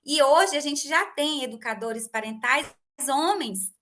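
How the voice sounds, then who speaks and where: A woman in her thirties hosting a casual podcast conversation, telling an animated story and acting out family dialogue. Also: sits high, unhurried. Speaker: host.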